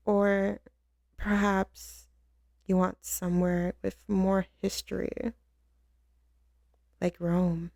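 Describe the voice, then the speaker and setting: In an ASMR roleplay, a woman plays a tough, commanding female mafia boss who turns tender and doting with her lover, using a fairly low, mellow voice thick with gravelly fry. She speaks slowly and intimately with swaggering, slangy devotion and an exaggerated voice, close on a dry studio mic with no echo.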